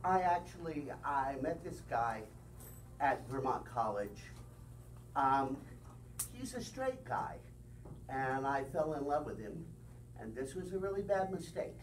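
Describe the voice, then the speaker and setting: A middle-aged man reading his poetry at an open mic in a bookstore, slow and deliberate, with wry asides. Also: mid-range voice, expressive. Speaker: poet. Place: bookstore room with small audience. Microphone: far camera. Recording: distant, faint room noise.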